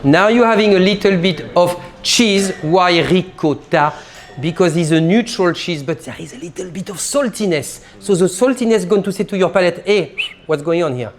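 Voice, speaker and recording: Sommelier teaching a tasting. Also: male voice, sits high. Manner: animated, explains while demonstrating. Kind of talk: live tasting class. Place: private tasting room.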